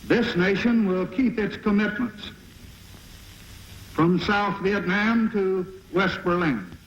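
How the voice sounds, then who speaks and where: A man's voice: high voice, animated, slow, a little hiss or hum. Man giving a firm political speech. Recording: dull archive broadcast.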